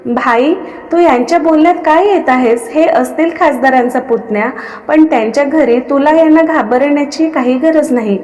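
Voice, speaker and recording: Woman doing a defiant young bride, pleading, high voice, long reverb. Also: moderate pace, a little mellow, natural voice.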